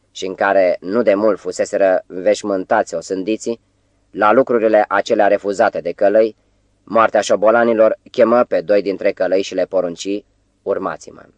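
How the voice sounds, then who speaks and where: A man reading a novel aloud as an audiobook narrator, in a measured, even-paced way. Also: lowish voice, no room sound. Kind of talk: scripted literary narration.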